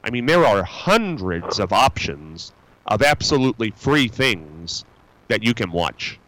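In the radio studio, this call-in host keeps things upbeat and folksy, rambling through casual chat with callers amid fillers and false starts. He sits on the low side with big pitch swings, takes his time, and sounds fairly bright. The recording is dry but poor in quality.

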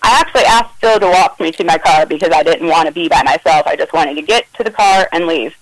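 A woman's voice: sits low, quick pace, dry recording, rough recording. A woman telling an emotional, agitated first-person account of a confrontation, acting out the quoted dialogue. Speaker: caller recounting an incident.

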